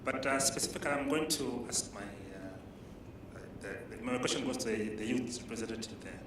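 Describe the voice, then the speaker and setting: Halting man in an echoey hall. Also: mid-range voice. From Zambia. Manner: halting, many fillers and restarts, challenging. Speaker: audience member asking a question. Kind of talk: question from the floor. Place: conference hall. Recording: echoey hall from far off, clear background noise.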